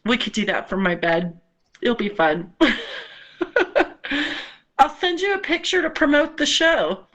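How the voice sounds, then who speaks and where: A woman's voice: fairly high pitch, big pitch swings, unhurried, fairly bright tone. A woman guest on a podcast, chatting casually over a video call, bubbly and laughing often. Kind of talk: casual chat.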